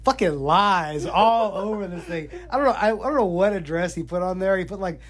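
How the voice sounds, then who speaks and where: A man's voice: sits high, brisk. Brief: middle-aged man, loose foul-mouthed storyteller, laughs through his anecdotes, phone-recorded chat. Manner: profane, rambling, laughs often. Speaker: father telling stories to his son. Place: home in North Georgia. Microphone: iPhone.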